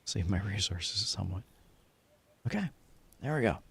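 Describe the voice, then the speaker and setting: The host of this casual gaming livestream has a lowish, slightly bright voice that's creaky and a little breathy, with lively intonation at a moderate pace. Upbeat and talkative, he often mutters to himself as he prepares.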